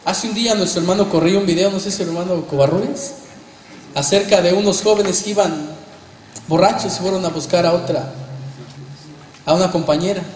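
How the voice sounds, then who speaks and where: A man's voice: high voice, brisk, pauses often, darkish tone. A man preaching a sermon, asking his congregation rhetorical questions and calling them brothers. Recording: echoey hall, faint background noise.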